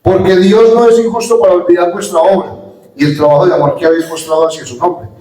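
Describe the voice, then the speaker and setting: Pastor preaching in an echoey hall. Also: male voice, high voice, steady tone, fast. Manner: preaching with sudden rises and drops in loudness, quoting scripture. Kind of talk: Pentecostal sermon. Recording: echoey room from far off.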